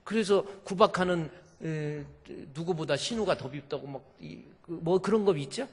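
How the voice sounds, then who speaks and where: A male pastor telling a story in a sermon, animated, acting out voices and swinging between loud and soft. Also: a little high, moderate pace, breathy edge, in a large hall.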